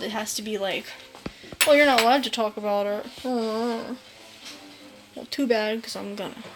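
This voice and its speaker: A woman's voice: on the high side, pushed and bright. A tired young woman from New England, hosting a casual live stream, rambling and chatty with lots of fillers and the odd angry curse. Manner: rambling, chatty, with many fillers and swearing outbursts.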